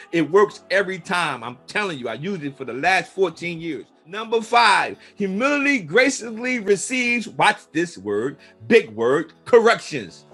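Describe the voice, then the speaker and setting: A man's voice: high-pitched, bright, forceful tone. A man leading a peer recovery leadership training, preaching each point with emphatic repetition. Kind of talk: motivational training lesson.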